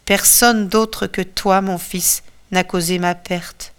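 A woman voicing the ghost of a loving older mother who speaks slowly and tenderly. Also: fairly low pitch, steady tone, smooth. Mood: sorrowful.

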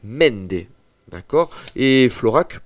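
A man teaching an Occitan lesson, explaining words slowly with hesitant fillers. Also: mid-range voice, expressive. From southern France. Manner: slow, hesitant, many fillers.

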